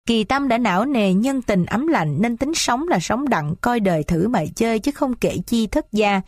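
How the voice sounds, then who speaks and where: A woman narrating a classic novel as an audiobook, in a steady, measured way. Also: a little high, no echo, clean studio sound.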